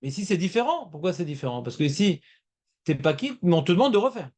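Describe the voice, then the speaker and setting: A man's voice: high voice, sing-song, fast, a little mellow. A man teaching a Talmud class, talking emphatically and repeating his points as he explains. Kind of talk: lively Talmud class discussion.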